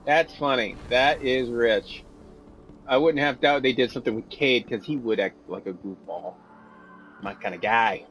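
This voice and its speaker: A man giving casual, goofy commentary over his gameplay, easily distracted and quick to laugh. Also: mid-range voice, fairly bright tone, slight background noise, low-quality recording. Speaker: gameplay video host.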